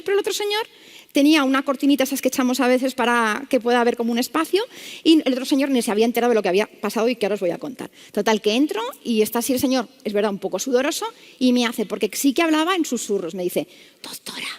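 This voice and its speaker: A woman's voice: on the high side, racing. A woman doctor, telling a clinical anecdote to an audience and acting out the voices in it. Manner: lively anecdotal storytelling, acting out dialogue. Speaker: palliative care doctor. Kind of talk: storytelling talk to an audience. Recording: long hall reverb.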